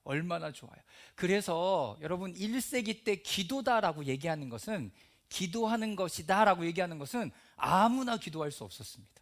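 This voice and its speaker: A middle-aged male pastor delivers a sermon in a church, his voice pitched high and swinging widely in tone. He acts out the voices he quotes and at times sinks to a near-whisper for emphasis. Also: expressive, normal speed. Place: church hall.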